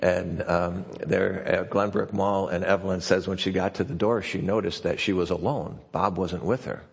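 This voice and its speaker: A man's voice: sits low, fairly even intonation, normal speed, gravelly, breathy edge. A man preaching a sermon in a loose, conversational way, often restarting his sentences. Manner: conversational and folksy, with frequent restarts. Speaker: pastor. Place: church sanctuary. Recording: long hall reverb.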